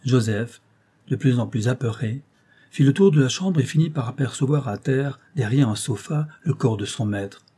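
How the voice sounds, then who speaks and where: A man reading a novel aloud with steady narration. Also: mid-range voice, moderate pace, husky. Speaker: audiobook reader.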